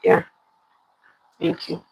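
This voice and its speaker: Drawing out her words, a female storytelling host performs a folktale live, addressing her viewers with repeated lines and direct questions. There's no room sound, and the audio is lo-fi.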